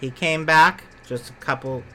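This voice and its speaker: Male podcast co-host, bright voice, loose rambling chat, faint music bed. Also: fairly high pitch, measured pace. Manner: chatty, rambling, self-correcting. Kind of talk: casual chat about theme park attractions.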